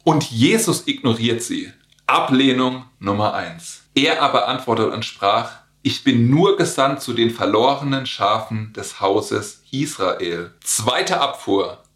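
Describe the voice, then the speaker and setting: A man preaching a sermon in a lively way, talking straight to his listeners and acting out the people in the story. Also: medium pitch, unhurried, reverberant.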